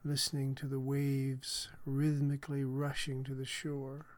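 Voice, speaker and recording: A man speaking as a hypnotherapist on a podcast, measured and soothing in his delivery. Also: medium pitch, completely flat delivery. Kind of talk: guided hypnotic relaxation and explanation.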